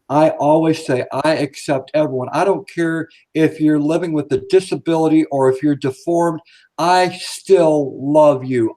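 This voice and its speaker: Higher-pitched man talking out of the mouth's corner. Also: warm tone, rough recording. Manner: talks out of the side of his mouth. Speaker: live stream co-host. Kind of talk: casual live stream chat.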